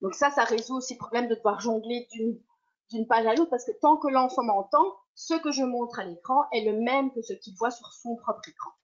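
Woman teacher walking through her online class setup, higher voice, muffled lo-fi call sound. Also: normal speed. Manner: lively, explanatory, self-correcting. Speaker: primary school teacher. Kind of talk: webinar presentation. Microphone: video call. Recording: dull lo-fi online call audio.

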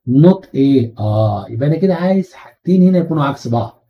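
A man with an Egyptian Arabic accent teaching an exam-prep English grammar lesson. He asks rhetorical questions and slows down to stress English phrases. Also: medium pitch, expressive, dull audio.

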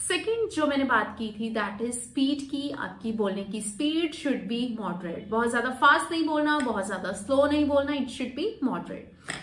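A woman teaching exam speaking skills in a Hindi-English video lesson, explaining step by step and reading sample sentences very slowly. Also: high-pitched, lively intonation, fairly bright tone. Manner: explains step by step, slows sharply for demonstration readings. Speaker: PTE exam coaching teacher. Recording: roomy echo with faint background noise.

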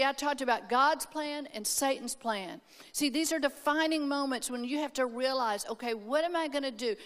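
A woman's voice: on the high side, a bit bright. Emphatic woman preaching in a reverberant hall. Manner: emphatic, calls for amens, tells a personal story. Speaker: speaker at a women's conference. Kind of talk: sermon.

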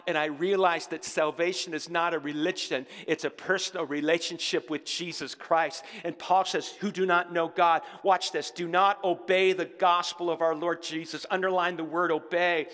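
Impassioned male pastor preaching in a hall. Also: on the high side. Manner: impassioned preaching, swinging from shouting to soft, somber tones. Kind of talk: sermon. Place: church sanctuary.

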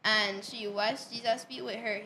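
Higher-voiced woman giving short answers. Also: fairly even intonation, a little slow, bright, forceful tone, a little hiss or hum. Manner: lists facts in short answers. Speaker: co-host. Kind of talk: answering questions in a Bible lesson.

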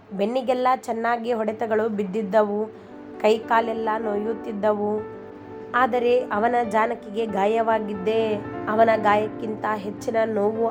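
A woman reading a romance story aloud as a narrator, in an even, measured reading voice. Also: on the high side.

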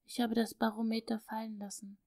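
A woman's voice: fairly high pitch, fairly even intonation, unhurried, creaky, darkish tone, no echo, clean studio sound. A woman voicing a shy, remorseful little girl who falters and pleads in a raised, childlike voice. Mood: timid.

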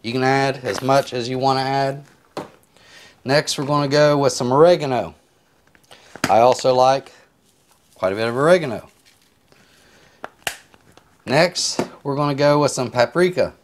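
Relaxed man explaining a home recipe. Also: medium pitch, unhurried, pauses often, slight background noise. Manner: relaxed, rambling step-by-step explanations with filler words. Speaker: home cook. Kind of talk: casual cooking tutorial. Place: home kitchen, indoors. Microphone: clip-on lapel mic.

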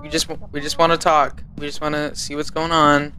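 Excitable bright-voiced male streamer. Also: fairly high pitch, a little fast. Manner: excitable, joking, repeats himself. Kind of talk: casual gameplay chat with friends.

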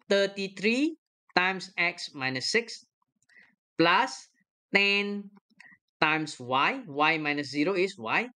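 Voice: medium pitch, bright, forceful tone. A math lecturer talking through a worked problem step by step on a screen recording, checking each sum aloud. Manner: works aloud step by step, checking their own sums.

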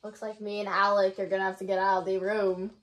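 A woman's voice: mid-range voice, level tone, fast talker, faint music behind. A young woman bantering casually and playfully with a friend, repeating her phrases to be understood. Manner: repeats phrases to a partner who can't hear. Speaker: challenge video participant. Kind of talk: casual playful banter in a lip-reading game. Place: small bedroom, indoors.

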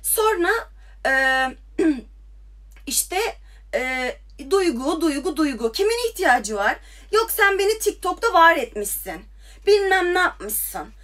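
A woman's voice: extremely high pitch, sing-song, slow, fairly bright tone. A young woman ranting heatedly into her phone on a livestream, firing off confrontational questions. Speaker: TikTok livestreamer. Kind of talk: angry livestream rant.

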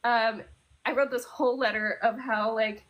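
A woman's voice: a little high, fairly even intonation, moderate pace, a bit bright, highs cut off. A young adult woman co-hosting a podcast, telling stories in a casual, chatty way with plenty of fillers. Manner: chatty storytelling with many fillers. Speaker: podcast co-host. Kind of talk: casual chat.

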